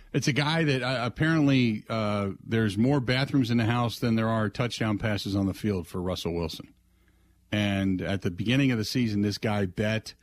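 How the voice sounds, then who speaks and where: A man's voice: lowish voice, dry recording. An American man hosting sports talk radio, chatting casually in a folksy, conversational way and slipping into sponsor plugs. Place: dry radio studio. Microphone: close broadcast mic.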